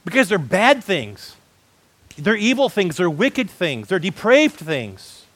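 Animated, high-pitched preaching man. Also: slow pace, no echo. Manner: conversational, emphatic, frequent "right?" and "folks". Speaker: pastor. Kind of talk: sermon.

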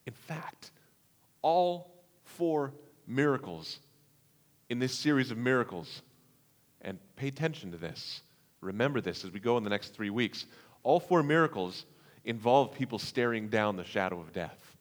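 A man's voice: lowish voice, lively intonation, normal speed. Man preaching in a reverberant hall. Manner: dramatic swings between hushed and loud delivery. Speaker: pastor. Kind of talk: sermon.

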